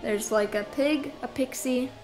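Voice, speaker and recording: A young woman chats and rambles to herself while playing, sighing and trailing off between thoughts. Her voice sits slightly high. Game music plays clearly underneath. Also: unhurried, poor audio. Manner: chatty, rambling, self-talking with sighs and fillers. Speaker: gameplay video host. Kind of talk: casual gameplay commentary. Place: apartment.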